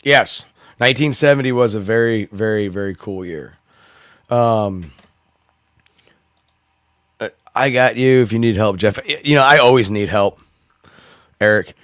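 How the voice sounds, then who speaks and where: A slightly hoarse man hosting a live open-mic stream, rambling, swearing and laughing in casual chat. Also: lowish voice, measured pace, pauses often, a bit bright, dry recording, clean studio sound.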